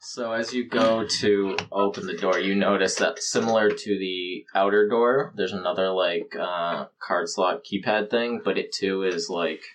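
A man's voice: low voice, steady tone, a little slow, hardly any pauses, slight background noise. A man running a tabletop game as game master, describing scenes in a chatty way full of fillers.

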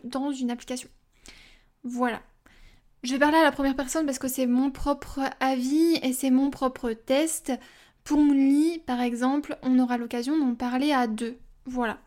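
A woman's voice: sits high, a little mellow. A young woman hosting a podcast, talking casually and personally with many fillers and asides. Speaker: podcast host.

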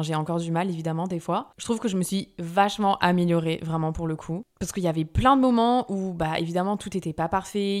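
A young woman talks through her podcast in a loose, chatty way, full of fillers and quick self-corrections. Her voice sits a little low for a woman. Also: darkish tone. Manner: chatty, informal, many fillers and restarts. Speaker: podcast host. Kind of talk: casual self-help podcast monologue.

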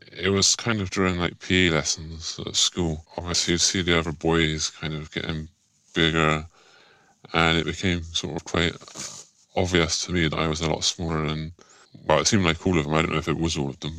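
A man speaking through a voice disguise that makes him sound deep, answering interview questions hesitantly and restarting his sentences. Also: bright, forceful tone, dry recording. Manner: hesitant, self-conscious, frequent restarts. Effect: disguised voice, pitched down deep. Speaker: podcast guest. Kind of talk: candid personal interview.

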